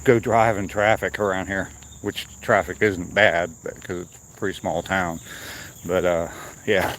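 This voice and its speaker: A man with a low voice is walking and talking on a trail in the woods. He chats casually to his stream in an unscripted way, pausing as he goes. Faint outdoor noise and insects sit behind him. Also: fairly even intonation, fairly bright tone. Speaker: livestreamer on a morning walk. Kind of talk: casual chat to viewers.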